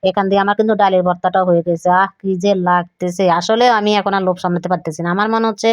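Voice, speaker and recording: Fast-talking woman food vlogger, crisp dry voice. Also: medium pitch, fairly even intonation, no echo. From Bangladesh. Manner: chatty, homely, describing each step. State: voice keeps going hoarse. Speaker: cooking vlogger. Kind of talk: recorded voice-over for a cooking vlog.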